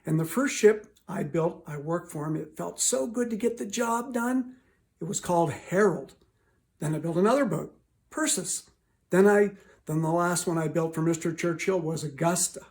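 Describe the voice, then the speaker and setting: Actor as a proud old-time shipbuilder's ghost, high and gravelly. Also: male voice, normal speed, darkish tone. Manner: proud, folksy. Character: proud hard-working ghost of a 19th-century shipbuilder. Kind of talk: first-person historical monologue.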